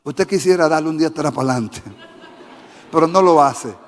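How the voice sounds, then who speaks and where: Male preacher, fairly high-pitched, fervent, quizzes the congregation; long church-hall reverb. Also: fairly quick. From Dominican Republic. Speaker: pastor. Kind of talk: sermon. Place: church sanctuary.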